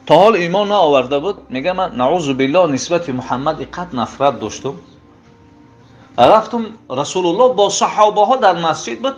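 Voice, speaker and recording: A man preaching a sermon in Tajik-accented speech, telling a religious story that swings from loud exclaiming to low hushed telling. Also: expressive.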